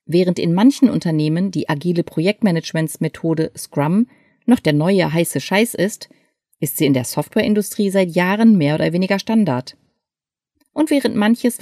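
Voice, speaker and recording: Female narrator, mellow lower voice, scripted essay read, dry booth. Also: dry recording. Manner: clear, measured reading. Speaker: article reader.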